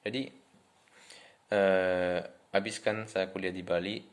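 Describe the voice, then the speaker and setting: Male vlogger, French native speaking Indonesian as a foreigner with a French accent: deep voice, flat intonation, hesitant casual delivery. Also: slow pace. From France. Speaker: vlogger introducing himself. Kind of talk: casual talk to camera.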